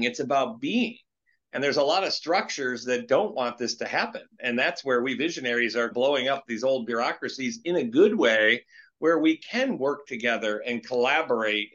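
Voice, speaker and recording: A man's voice: medium pitch, a bit bright, dull audio. A man in his late fifties, a guest entrepreneur, talking in a casual interview in an earnest, rambling way and telling stories with animation. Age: 50s.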